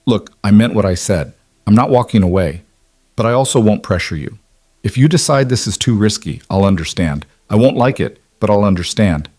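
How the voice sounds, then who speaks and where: A man reading a steady, firm woman boss. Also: fairly low pitch, moderate pace, no room sound, studio quality. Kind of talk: scripted audiobook narration.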